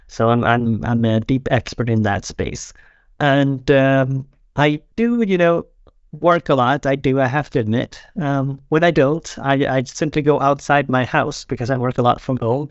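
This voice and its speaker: A man's voice: medium pitch, a little slow, smooth, dry recording, lo-fi sound. A man from Sweden, a podcast guest, talking casually and often repeating words as he restarts. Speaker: guest, company founder.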